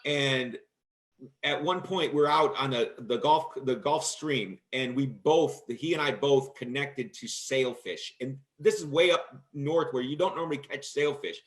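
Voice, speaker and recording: A man hosting a casual chat show, telling stories in an animated way and acting out quotes loudly. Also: medium pitch, measured pace. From Michigan, USA. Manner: animated, acts out quotes in a loud voice. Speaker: host.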